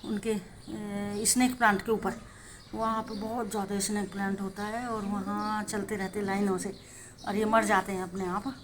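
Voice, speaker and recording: A woman's voice: mid-range voice, level tone, normal speed, a crowd in the background. A woman hosting a home gardening channel, chatting in a homely show-and-tell way and often checking in with the viewer. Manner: chatty, homely, keeps asking "है ना". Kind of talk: casual show-and-tell demonstration.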